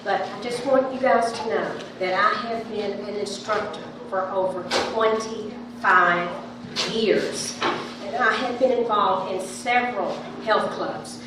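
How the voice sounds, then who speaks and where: At a town hall meeting, a woman with a big, mid-range voice gives a public comment, speaking unhurriedly but with insistence and passion, repeating herself to drive her point home. She's picked up from a distance by a handheld mic in a large, echoey meeting room, with background noise in the recording.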